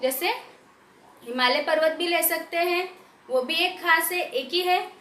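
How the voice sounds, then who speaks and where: A woman teaching young pupils a grammar lesson, dictating definitions slowly and asking questions she answers herself. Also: very high voice, sharp tone, echoey room, slight background noise.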